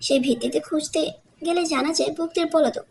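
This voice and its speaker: A woman's voice: sits high, fairly even intonation, a little fast, creaky, darkish tone, low-quality recording. A woman narrating a romantic novel as an audiobook, telling the story expressively.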